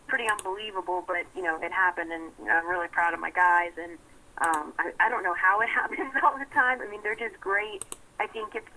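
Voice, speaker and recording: Young woman, sports reporter on phone line, bright voice, faint noise. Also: fairly low pitch. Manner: chatty, laughs often, many restarts. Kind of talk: casual on-air report.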